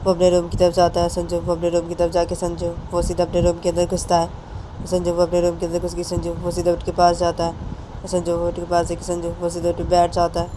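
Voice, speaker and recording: A woman telling a love story in a plain, repetitive narration with a somewhat low voice. Steady background noise and passing vehicles run behind her.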